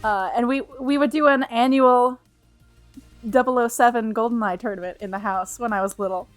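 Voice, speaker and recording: A woman livestreaming a game and chatting with viewers in a bubbly, cutesy, playful and expressive way. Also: a little high, moderate pace, dry recording. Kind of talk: livestream chat while playing a game. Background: game music.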